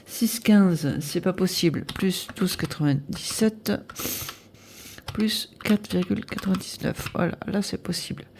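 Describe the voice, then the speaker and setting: A woman in her fifties chats to camera about her weekly spending. Her voice is gravelly and slightly stuffy and nasal, and she hesitates a lot while working out figures aloud. A faint hiss sits under the recording. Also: fairly low pitch, a little slow, darkish tone. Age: 50s. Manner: chatty, hesitant, many fillers, thinking aloud while adding sums. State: nasal from air conditioning. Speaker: budget vlogger. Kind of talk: casual budget review to camera.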